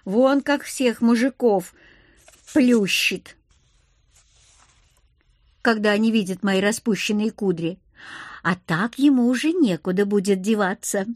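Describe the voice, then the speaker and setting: A woman narrating a first-person audiobook with expressive, lively inner monologue. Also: mid-range voice, a little slow, pauses often, no room sound, clean studio sound. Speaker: audiobook reader.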